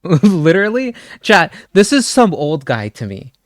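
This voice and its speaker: A man's voice: high voice, big pitch swings, a little slow, no echo. Streamer man, casual foul-mouthed riffing, dead-dry close mic. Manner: profane, riffing jokes to chat. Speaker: live streamer. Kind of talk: casual reaction chat.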